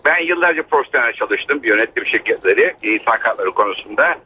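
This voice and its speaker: A man's voice: medium pitch, lively intonation, fast talker, pushed and bright, a little hiss or hum, rough recording. A man in his fifties calling a radio show over a landline phone, explaining his point with frequent hesitations. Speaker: caller, human resources trainer. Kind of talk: call-in radio talk.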